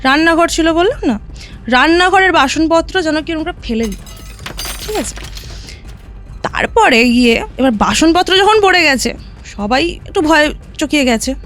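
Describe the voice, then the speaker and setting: A woman telling a listener her own ghost story in a casual podcast chat, vivid and animated, often asking "right?". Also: sits high, moderate pace, faint music behind. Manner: recounts events vividly, often checking in with "right?".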